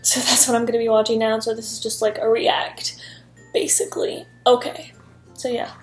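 Young woman vlogger, high voice, chatty and giggly, laptop mic at home. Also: level tone, brisk, faint music behind. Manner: chatty, giggly, lots of fillers. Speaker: YouTuber. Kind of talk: casual reaction vlog. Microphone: laptop built-in mic.

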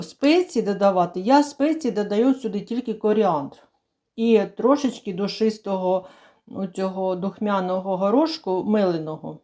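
Mellow-voiced homely woman cooking. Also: medium pitch. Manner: unhurried, homely, chatty explanations. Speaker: cooking channel host. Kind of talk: home cooking demonstration. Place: home kitchen. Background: sizzling frying food.

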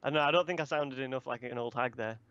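A man rambles through a casual review chat and swears now and then. His voice sits at a middling pitch. The recording is dull and lo-fi. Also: fast, a bit bright, a little hiss or hum. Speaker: co-host of manga review.

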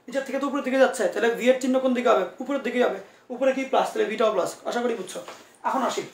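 A man's voice: extremely high pitch, racing, vocal fry, roomy sound, far from the mic, a little hiss or hum. A man teaching physics in an online class, reassuring his students and coaxing answers out of them with many asides.

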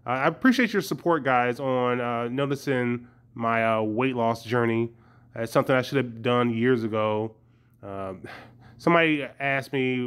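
A man's voice: mid-range voice, fairly bright tone, clear, resonant tone. A man, a young adult, chatting casually to his viewers in a rambling, hesitant way with frequent chuckles. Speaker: vlogger.

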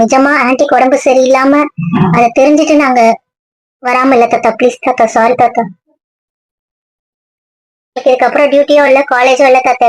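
A young woman acting in a family drama as a college student. She explains earnestly in a high voice and at a rapid pace. The sound is dry and close. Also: no room sound, poor audio.

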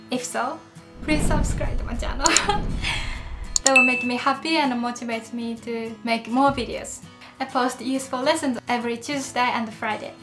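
A woman from Japan with a Japanese accent, teaching in a clear, patient scripted lesson and slowing down to model example phrases. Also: fairly high pitch, a bit bright.

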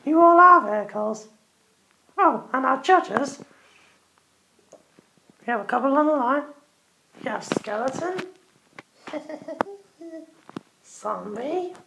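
Spooky lady host, high and swoopy, cackly, gravelly edges, takes her time. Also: expressive, slow pace, long pauses, background noise. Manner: theatrical, cackling, teasing. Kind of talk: playful Halloween hosting.

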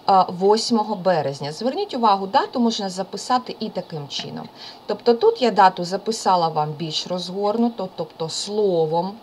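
A Ukrainian woman teaching English in a video lesson, reading each phrase slowly and then translating it. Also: mid-range voice, slight background noise, low-quality recording. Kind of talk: distance learning video lesson.

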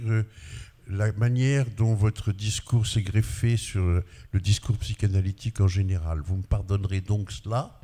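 An older pediatrician whose native language is Arabic tells a personal story on a handheld mic while paying tribute on a panel. He gestures as he speaks, shifting his pitch and loudness for storytelling effect. The large glass-walled conference hall gives the recording a long reverb.

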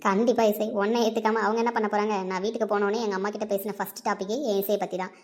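A woman's voice: mid-range voice, level tone, rapid-fire, darkish tone, natural voice. A woman voicing a caring young woman reassuring her best friend, in a read-aloud audio story. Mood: tender. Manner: tender, reassuring.

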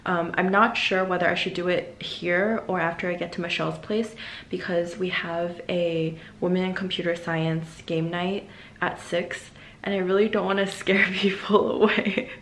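A woman's voice: lowish voice, fairly even intonation, normal speed, a bit bright, echoey room, slight background noise. A young woman in her twenties chatting casually to camera in an upbeat vlog, laughing often. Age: 20s. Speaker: vlogger. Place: small indoor room.

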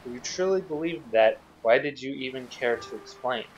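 A man voicing a frail elderly man in a video game playthrough, speaking quietly and slowly. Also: medium pitch, expressive, music in the background, close to an everyday voice, poor audio. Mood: hushed, wistful. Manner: quiet, slow, hushed.

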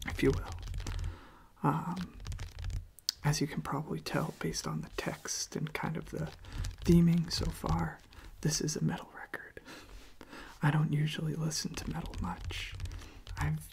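Close to the microphone, a young adult ASMR host whispers in a soft, gentle way, stopping and repeating words. The voice is mid-range with a creaky texture.

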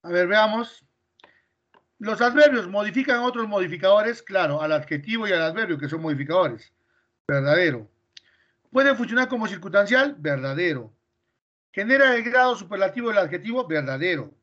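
A man's voice: high-pitched, lively intonation, normal speed, a bit bright, dull audio. A male teacher with a Peruvian Spanish accent explaining grammar in class, quizzing his students with questions step by step.

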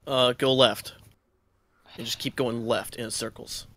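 A young man with a mid-pitched, ordinary voice banters and jokes with his friends while they play a game online. He talks over a headset mic in a casual, quick-fire way. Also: flat delivery, fairly bright tone, no room sound. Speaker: gamer friend. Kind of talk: casual gaming chat.

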